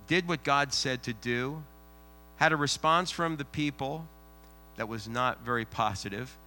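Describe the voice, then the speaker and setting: A man's voice: mid-range voice, sharp tone. A man giving a sermon as a rabbi in a synagogue, preaching in a conversational way with rhetorical questions and retelling scripture in everyday words.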